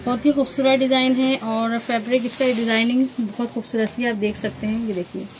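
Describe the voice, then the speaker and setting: In a level, slightly high voice, a little fast, a Pakistani-accented woman presents wholesale stock inside a garment shop full of fabric. The sales talk is informal, repetitive, and peppered with English, recorded in poor audio on a handheld phone with clear background noise.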